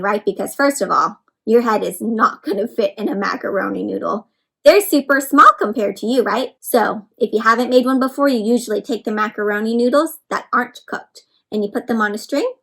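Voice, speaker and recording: Her voice is high, a bit bright, with some vocal fry, as she reads a picture book to young children. Like an encouraging teacher, she addresses them directly, asks questions, and explains words in simple terms.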